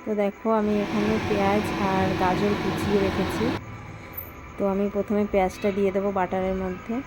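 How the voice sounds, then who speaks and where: A woman's voice: medium pitch, little pitch movement, normal speed, heavy background noise. A woman with a Bengali accent, chatting viewers through a home cooking vlog step by step and cooing at her toddler. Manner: chatty, talks viewers through each step, sing-song baby talk to her toddler. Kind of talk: casual cooking vlog narration.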